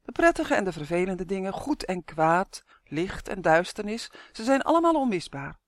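A woman voicing a female magical creature with a fiery temper, who lectures indignantly in a higher, louder voice. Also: sing-song, moderate pace, no echo, studio quality, close to an everyday voice. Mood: lecturing.

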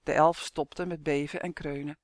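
Steady fantasy audiobook narrator. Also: medium pitch, no echo, studio quality. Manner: steady, measured storytelling. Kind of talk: scripted narration of a children's fantasy.

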